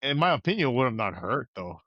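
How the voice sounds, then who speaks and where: A man's voice: medium pitch, very animated, fast talker, dry recording, highs cut off. A man co-hosting a wrestling podcast in laid-back casual chat, laughing often. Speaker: podcast co-host.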